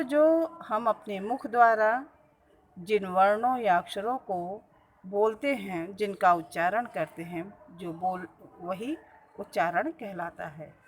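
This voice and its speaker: A woman's voice: medium pitch, rough recording. A woman teacher giving a school grammar lesson, patiently repeating words to show the correct pronunciation. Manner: slow, patient, repeats each word to stress correct pronunciation.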